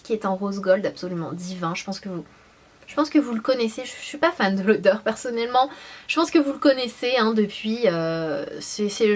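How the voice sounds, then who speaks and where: A young woman talks through her favourite makeup in a casual, gushing tone. She pauses on fillers and restarts her sentences as she goes. Her voice sits slightly high. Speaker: beauty vlogger. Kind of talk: casual product review.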